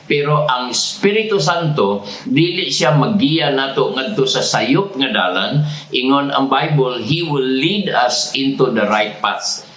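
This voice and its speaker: A man with a Cebuano accent preaching a sermon as pastor, repeating each point deliberately and prompting the congregation to say phrases back. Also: mid-range voice, animated, a bit bright, reverberant, low-quality recording. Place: church sanctuary.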